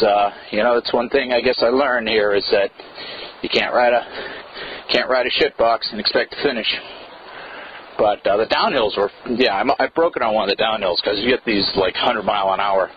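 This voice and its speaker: Man's report played back through a speaker. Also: on the low side. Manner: blunt, frustrated, wry, swears casually. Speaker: mountain bike racer phoning in a report. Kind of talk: casual spoken field report. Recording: dull lo-fi sound with faint hiss.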